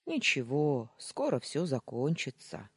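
A woman's voice: big pitch swings, slow pace, mellow, dry recording, clean studio sound, heavily acted. A woman reading a teasing, commanding young man. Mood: soothing teasing. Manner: low purring tone.

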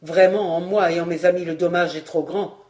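An audiobook reader voicing a wounded, loyal old male master-at-arms, grave and measured. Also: mid-range voice, fairly even intonation, a little mellow, natural voice. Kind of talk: audiobook reading.

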